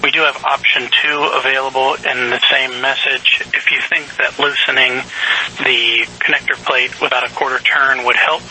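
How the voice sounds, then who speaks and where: A man's voice: medium pitch, little pitch movement, normal speed, bright, forceful tone. A man working as a mission control communicator, giving procedural instructions in clipped phrasing over a crackly space radio link.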